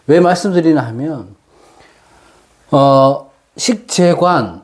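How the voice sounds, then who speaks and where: Mellow man with slightly slurred, dental-numbed diction. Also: fairly high pitch. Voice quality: slightly slurred, tangled articulation after dental anesthetic. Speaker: fortune-telling lecturer. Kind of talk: unscripted explanatory lecture.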